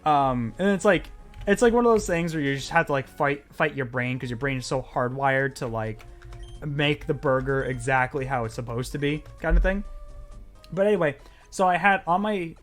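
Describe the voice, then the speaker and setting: A man's voice: a little high, moderate pace, fairly bright tone, faint music behind. A man streaming a game and telling a story in a loose, rambling way, full of fillers and swearing. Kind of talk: casual storytelling while playing a game.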